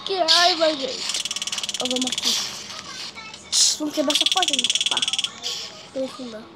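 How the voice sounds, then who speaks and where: A woman's voice: high voice, normal speed, very noisy. A female host with a Brazilian Portuguese accent, giving dramatic, chatty gameplay commentary and talking straight to her viewers. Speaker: gaming channel host.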